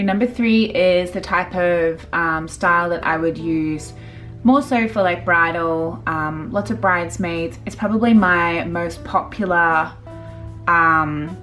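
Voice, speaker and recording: Woman, makeup tutorial, chatty, relaxed, lots of ums, faint music, camera mic. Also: fairly low pitch. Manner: chatty, filler-heavy, relaxed. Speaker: makeup artist.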